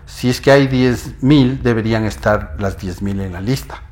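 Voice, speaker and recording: A man's voice: fairly low pitch, normal speed, a little mellow. A man appearing as a geneticist guest on a TV interview, giving earnest, step-by-step explanations.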